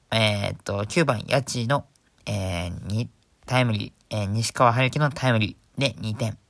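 A man hosting his own casual talk show, speaking quietly for a late-night recording, chatty, with many fillers and giggles, recorded indoors on a phone. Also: medium pitch, gravelly. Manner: hushed, holding back volume for a late recording. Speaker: podcast host. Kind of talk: casual solo radio talk.

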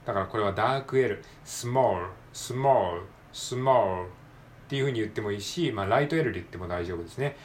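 Low-voiced man drilling pronunciation aloud. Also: animated, a little hiss or hum. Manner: repeats words slowly, drilling sounds; thinks aloud with many fillers. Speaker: English learner practicing pronunciation. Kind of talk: casual solo reading-aloud practice.

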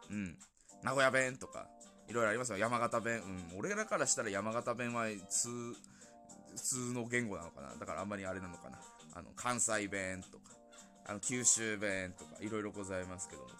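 A young man hosting a casual solo talk show, gushing excitedly about games and music with many fillers. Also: mid-range voice. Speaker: podcast host. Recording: faint music behind.

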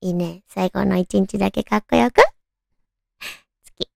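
A woman with a naturally cute, girlish anime-style voice hosts a casual solo radio chat, talking to her listeners in a cutesy, animated way. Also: medium pitch, measured pace, gravelly, dry recording, studio quality. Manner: cutesy, animated, addressing listeners with soft questions. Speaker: radio show host.

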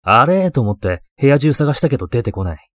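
A man voicing an eccentric, obsessive male occult enthusiast in a ghost story, terse, low-key and matter-of-fact. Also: big pitch swings, a little fast, no echo, clean studio sound, close to an everyday voice. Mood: wistful, matter-of-fact. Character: eccentric, obsessive male occult-loving mentor, deadpan and wistful.

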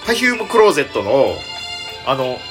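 A young man with a Kansai accent, hosting a solo chat show as a comedian, thinking aloud excitedly and fretting as he rambles. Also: medium pitch, a little fast, over music. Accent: Kansai Japanese. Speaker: comedian and podcast host.

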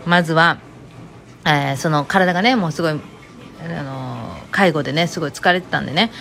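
A vlogger with a Kansai Japanese accent chats casually to the camera, rambling and joking with lots of fillers. Her voice is low and a bit bright with vocal fry, at a normal speed.

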